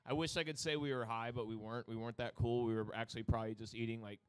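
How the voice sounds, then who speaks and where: A New Jersey-accented podcast co-host talks rapid-fire about metal albums in a smooth, medium-pitched voice with fairly even intonation. He meanders through jokes and side stories, quoting others in over-the-top voices.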